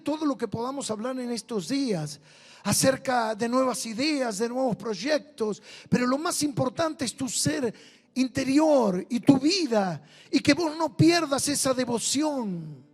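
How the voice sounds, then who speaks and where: High-voiced Argentine pastor telling stories. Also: male voice, measured pace, slightly rough, soft background music. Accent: Argentine Rioplatense Spanish. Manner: animated storyteller, swings between soft intimate asides and loud bursts. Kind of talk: storytelling sermon. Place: church meeting with live audience.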